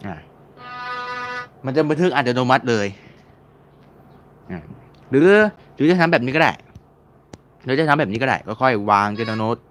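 A man talking through a casual tutorial at a middle pitch. He chats loosely and keeps repeating words as he hunts for things on screen and clicks along. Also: expressive, normal speed, long pauses, slight background noise. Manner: chatty, repeats words while searching and clicking. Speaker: mobile game modding tutor.

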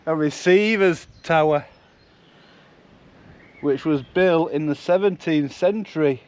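Taking his time, a van-life vlogger from Yorkshire, England talks to his viewers in a fairly high-pitched voice, keeping the commentary chatty, informal and full of jokes. The audio, recorded on location, sounds muffled.

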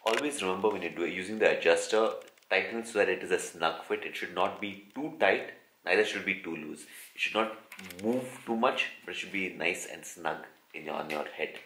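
A chatty Indian man in his forties talks to a handheld camera, explaining each step in an upbeat way. His voice sits low but sounds bright and forceful. The rooms echo, with a faint hum of traffic behind him. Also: moderate pace. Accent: Indian English. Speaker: cycling vlogger. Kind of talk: casual vlog narration to camera. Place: hotel room, car and street at night. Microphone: handheld camera at arm's length.

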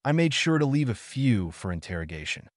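A man voicing a shaken teenage boy ninja in a storybook reading, his delivery shaky and halting. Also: medium pitch, big pitch swings, dry recording, clean studio sound.

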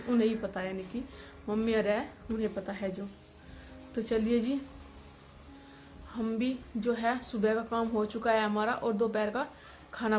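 A woman's voice: on the high side, darkish tone. A young woman chatting to camera from a small room at home, talking casually with lots of fillers in a wistful tone. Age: young adult. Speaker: village vlogger. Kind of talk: casual vlog talk to camera.

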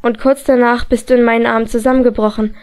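A woman's voice: fairly high pitch, level tone, fast talker, a little mellow, lightly acted. Woman voicing an earnest worried young man.

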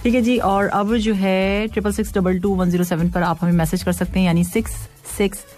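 A woman hosting a casual radio show, reading listener messages, playful and quick to laugh and tease. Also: medium pitch, fairly even intonation, darkish tone, soft background music. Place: radio studio.

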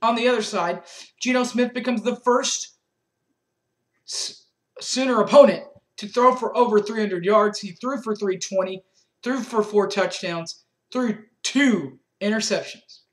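Recorded roughly on a webcam at his desk, a young sports fan sits in a small bedroom giving a postgame recap of a college football game. His voice sits high and fairly bright, and he goes unhurriedly through the scores and stats, with a few restarts.

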